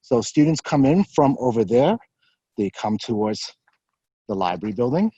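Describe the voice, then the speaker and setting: A man's voice: medium pitch, big pitch swings, normal speed, dark tone, slightly rough, dry recording, muffled recording. A man from the university staff guiding a live virtual campus tour and answering questions, explanatory and a little out of breath from walking. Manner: explanatory, frequent "um" and "so".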